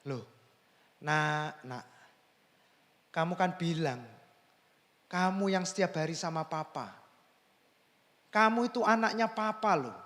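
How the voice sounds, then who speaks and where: Man playing a loving father, high and emphatic, coaxing, insistent, long reverb. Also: expressive, takes it slowly, long pauses, a bit bright. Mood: pleading. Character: loving father pleading with his son.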